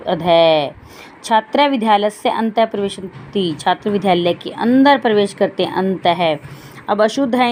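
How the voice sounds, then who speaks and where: A woman's voice: medium pitch, darkish tone, a little hiss or hum. A woman teacher reading a Sanskrit text and explaining it line by line for her students. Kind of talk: Sanskrit lesson explained in Hindi.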